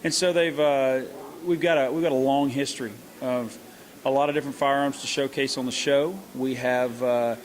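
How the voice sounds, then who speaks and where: A middle-aged country singer who hosts a hunting show answers interview questions earnestly but haltingly, with many restarts. His voice is medium-pitched with a steady tone.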